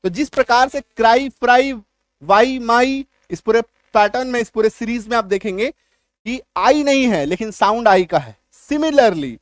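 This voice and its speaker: Guy teaching english reading, keeps asking "clear?", repeats words slow, dry close sound. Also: sits high, dry recording. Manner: keeps checking understanding with questions; repeats words slowly to drill pronunciation. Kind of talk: classroom-style video lesson.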